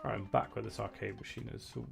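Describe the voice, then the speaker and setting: A man's voice: lowish voice, level tone, quick pace, creaky, over music. A man from Wales with a Welsh accent, chatting casually while streaming a video game and answering viewers. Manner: chatty, reads out viewer chat. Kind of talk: casual gameplay commentary.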